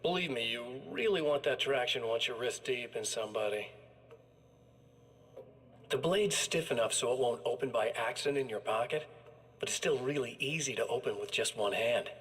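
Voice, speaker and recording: A man's voice: mid-range voice, normal speed, fairly bright tone, close to an everyday voice. An actor playing a chatty killer in a video game, proud of his tools and casually menacing, talking like a salesman. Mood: smug, casual. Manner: folksy, menacing, casually pleased with himself. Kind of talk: scripted video game acting, sales-pitch monologue.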